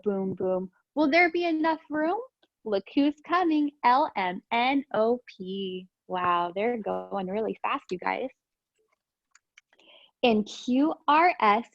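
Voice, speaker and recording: Reading picture books to little children, this preschool teacher uses a very slow, sing-song, encouraging delivery in her fairly high voice, keeping it animated. The sound is close and dry with no echo, and it comes across dull and lo-fi.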